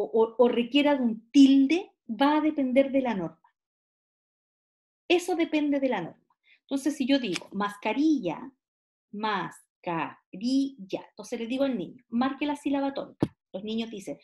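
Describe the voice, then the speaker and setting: Woman teacher, slow explaining. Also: high voice, a little mellow. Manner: explains slowly, stretches example words, asks rhetorical checks. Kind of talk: classroom lecture.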